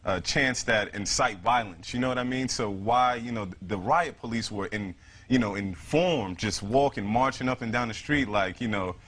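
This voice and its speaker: Male veteran as interview guest, lowish voice, earnest, halting and repetitive conversational answers. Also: a bit bright. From United States, New York City. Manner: earnest, repeats himself, frequent "you know".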